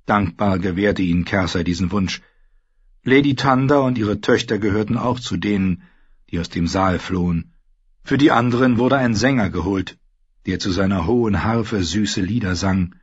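A man narrating a fantasy audiobook in a scripted, expressive way. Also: on the low side, moderate pace, husky, no room sound. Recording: slightly dull lo-fi audio.

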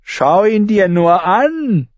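A sneering boy jeers and goads in a high, drawn-out, singsong voice, as a male storyteller puts him on. The tone is husky and dry, on a slightly muffled recording. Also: big pitch swings, dry recording, exaggerated voice. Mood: mocking. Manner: mocking, egging on. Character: mocking, sneering orphan boy.

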